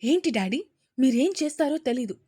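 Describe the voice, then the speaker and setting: Woman voicing a bratty young woman yelling at her dad, high and shrill, storybook. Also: moderate pace, no echo, studio quality, lightly acted. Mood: angry ranting. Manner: loud, angry ranting.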